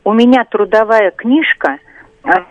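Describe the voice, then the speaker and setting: A man with a fairly high voice calls in to a radio show, and his words come through a dull, choppy phone line that crackles and cuts in and out. He speaks haltingly, restarting as he tries to make himself heard. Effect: breaking-up phone connection, cutting in and out. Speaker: caller. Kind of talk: call-in question to a radio show.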